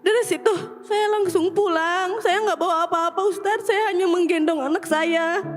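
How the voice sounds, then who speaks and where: A woman's voice: very high-pitched, steady tone, normal speed. A woman caller tells a painful personal story and earnestly pleads for a preacher's advice. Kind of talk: emotional personal account and question. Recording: music playing under the voice. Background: background music.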